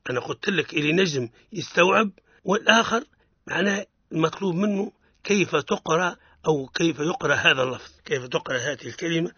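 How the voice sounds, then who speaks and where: A man with a Tunisian Arabic accent teaching the rules of Quran recitation on the radio, explaining each rule, quizzing his student and chanting verses slowly. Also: a little high, bright, forceful tone, husky, dry recording, dull audio.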